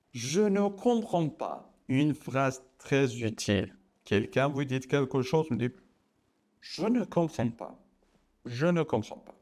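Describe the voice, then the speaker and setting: A man with a Persian accent teaching a French lesson, saying each phrase clearly and repeating it, sometimes acting out short exclamations. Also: fairly high pitch, darkish tone. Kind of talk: slow, deliberate language lesson.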